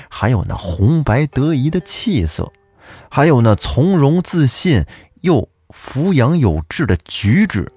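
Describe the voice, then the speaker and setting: A man's voice: medium pitch, darkish tone, slightly rough. A man narrating a folk tale as storyteller host, chatty and turning to address his listeners.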